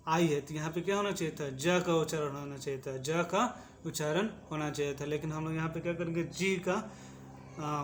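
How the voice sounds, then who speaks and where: A man with a fairly high voice takes a class through English pronunciation. He goes letter by letter, slowly, and says each point twice. A faint hiss runs under the recording. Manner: slow and repetitive, saying each point twice. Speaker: English teacher. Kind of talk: spoken lesson on pronunciation.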